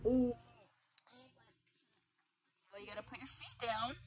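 A mother at home in casual family chat, gently coaxing and instructing, with dry joking asides. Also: fairly high pitch, slow.

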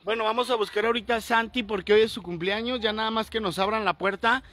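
Very high, bright-voiced Mexican man. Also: steady tone, fast talker. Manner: playful, teasing, calls out loudly. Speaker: vlogger delivering a birthday gift. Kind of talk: casual joking vlog chat. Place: outside and inside a primary school.

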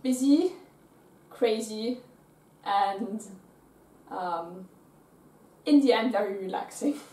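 A young woman from Austria answering interview questions in a small dorm bedroom, calm and reflective. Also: mid-range voice, slow pace. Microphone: far camera. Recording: roomy, distant camera sound.

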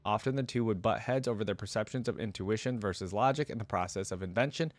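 A young man with a lowish voice hosts a gaming lore reaction channel, talking fast and reading aloud while musing casually to his viewers. He sits at a desk in a gaming chair indoors, wearing a headset, with a close stand-mounted desk mic and no echo.

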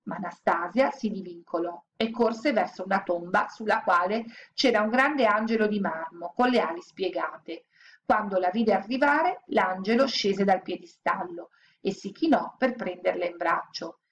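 A woman's voice: mid-range voice, normal speed, lo-fi sound, a little hiss or hum. Woman reading a children's story aloud. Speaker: audiobook reader.

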